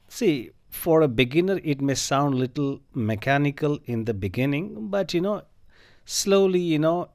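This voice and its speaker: A man teaching English word stress, spelling out letters and syllables slowly and deliberately. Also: mid-range voice, a little mellow, dry recording, clean studio sound. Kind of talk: educational lesson, mixing Hindi and English.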